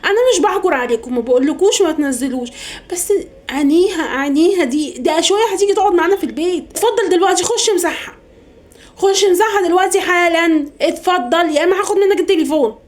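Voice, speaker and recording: In a comedy sketch, a woman with an Egyptian Arabic accent plays a fussy, superstitious middle-aged mother, speaking quickly in a very high-pitched voice. She scolds first, then drops into hushed, gossipy phone chatter.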